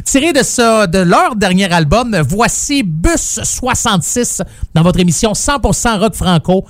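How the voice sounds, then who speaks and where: A man hosts a rock radio show, talking in a loose, joking, rambling way full of fillers. His voice sits high for a man. It is recorded dry and close on a studio mic. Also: expressive, a little slow, no echo. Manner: chatty, jokey, rambling with many fillers. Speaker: morning radio host. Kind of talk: casual radio show patter.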